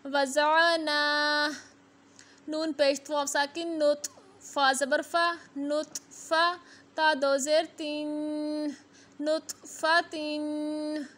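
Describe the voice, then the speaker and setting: A woman teaching a Quran reading lesson, spelling out syllables and drawing them out slowly, then explaining the rules briskly. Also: high voice, level tone. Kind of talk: slow spelled-out tajweed lesson.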